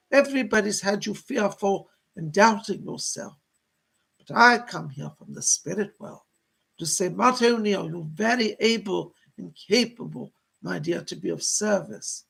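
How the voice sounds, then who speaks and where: A man as a seance medium voicing a gentle, motherly female spirit guide, speaking in genteel, solemn endearments with a husky, creaky voice. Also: high voice, exaggerated voice. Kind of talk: seance medium trance channeling, addressing sitters with spirit messages.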